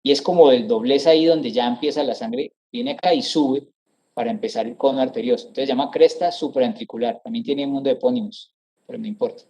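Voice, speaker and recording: Mellow-voiced male anatomy lecturer. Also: medium pitch, fast. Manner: explanatory, repeats terms, checks understanding with "¿sí?" and "¿cierto?". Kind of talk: classroom lecture over slides.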